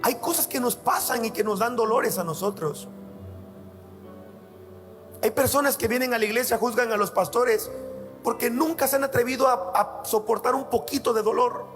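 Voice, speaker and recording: A pastor with a notably high voice preaches, weaving his own stories into the sermon in an earnest, heartfelt way. Soft music plays faintly behind him. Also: moderate pace. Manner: earnest storytelling, addresses listeners as "amado". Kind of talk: sermon with personal testimony.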